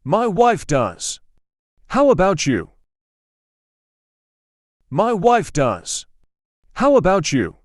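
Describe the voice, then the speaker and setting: A man reading a polite learner's part in a scripted practice dialogue for English learners, speaking slowly and carefully enunciating each line. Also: high voice, huge pitch swings, dry recording, studio quality, full character voice. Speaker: dialogue reader.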